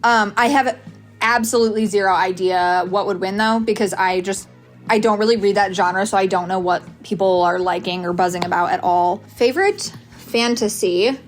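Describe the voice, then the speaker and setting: Female book vlogger, mid-range pitch, casual and emphatic, opinionated chat over background music. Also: normal speed. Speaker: book reviewer with a video channel. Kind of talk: casual chatty vlog commentary.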